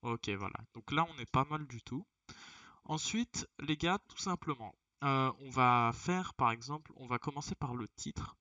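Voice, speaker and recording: A young man casually walking viewers through a tutorial, chatty, narrating each click with a quick "hop". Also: mid-range voice, pushed and bright, no room sound. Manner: chatty, talks to viewers as "les gars". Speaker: tutorial creator. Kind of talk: casual screen-recorded tutorial. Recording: distant, dull lo-fi dry recording.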